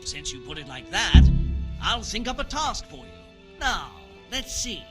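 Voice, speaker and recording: Over music, a man plays a sly, greedy townsman who commissions thefts in a video game. His voice sits high and is very animated yet unhurried, and his scheming lines come out knowing, theatrical and wheedling in this dramatic game dialogue.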